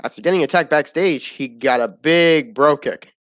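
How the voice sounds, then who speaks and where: A man's voice: fairly high pitch, normal speed, fairly bright tone, no room sound, clean studio sound. A man giving a casual, opinionated wrestling review, rambling, swearing and laughing at the show.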